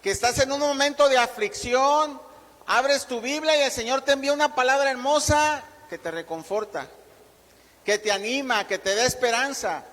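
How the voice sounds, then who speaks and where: A man preaching a sermon as pastor, emphatic and slowing down to dictate his main points. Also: very high voice, a bit bright. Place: church sanctuary. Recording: long church hall reverb.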